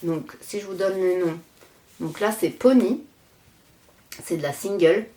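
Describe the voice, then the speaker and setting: A woman's voice: on the low side, unhurried, mellow. A woman from France in her thirties chatting casually on her knitting podcast, rambling with many fillers and self-deprecating asides. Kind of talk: casual chat.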